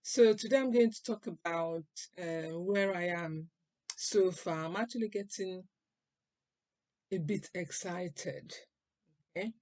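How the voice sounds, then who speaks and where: An older woman chats to her vlog viewers at a slow, easy pace, pausing often with fillers as she thinks. Her voice sits a little low. The recording is dry and close. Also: a little mellow, no echo. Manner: chatty, unhurried, with frequent pauses and fillers. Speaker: vlogger. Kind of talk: casual vlog talk to camera.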